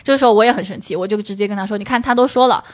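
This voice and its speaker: A woman co-hosting a casual chat show, telling animated work stories. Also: mid-range voice. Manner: animated, quick storytelling with acted quotes. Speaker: podcast co-host.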